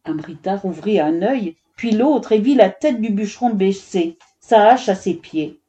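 Brief: expressive female storyteller, mellow tone, slightly muffled recording. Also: mid-range voice, unhurried. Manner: expressive, voices every character. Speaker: narrator. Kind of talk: storybook narration.

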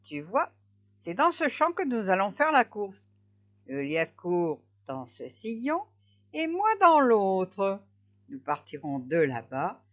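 A woman voicing a boastful, bossy male hedgehog in a storybook tale, talking in a brisk, commanding way. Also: medium pitch, sing-song, a bit bright, full character voice. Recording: slightly dull lo-fi recording.

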